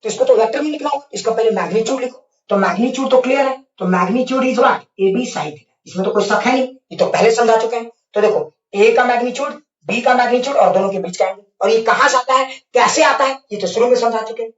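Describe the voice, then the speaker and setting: A man's voice: very high-pitched, quick pace, hardly any pauses. A man teaching physics in an online class who coaxes and playfully scolds his students and keeps checking whether they follow. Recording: echoey, distant, dull mic.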